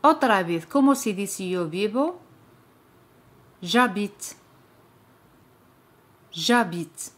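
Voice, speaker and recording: A woman teaching French vocabulary in a slow lesson, repeating each word clearly. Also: mid-range voice, animated.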